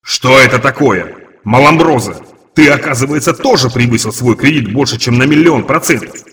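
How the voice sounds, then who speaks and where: A man voicing a menacing male demon creditor with an echoing demonic voice effect, loud, slow and commanding. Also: mid-range voice, lively intonation. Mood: stern. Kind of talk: audiobook reading.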